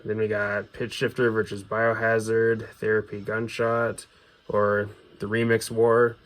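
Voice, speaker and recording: A man hosting a video shows off his music CD collection, giving casual, unscripted commentary and hedging his opinions in an offhand way. His lowish voice is monotone, unhurried and fairly bright, with clearly audible background noise.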